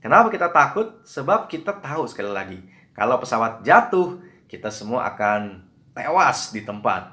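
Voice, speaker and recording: A man preaching a sermon, telling a story with lively, animated delivery and acting out the voices in it. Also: mid-range voice, normal speed, echoey room.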